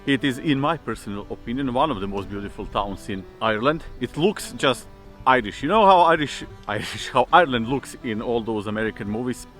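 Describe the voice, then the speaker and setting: A man's voice: medium pitch, lively intonation, brisk, fairly bright tone. A man hosting a vlog in an informal, wry, self-deprecating way, with music behind him. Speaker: vlog host. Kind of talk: casual vlog presenting. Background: faint background music.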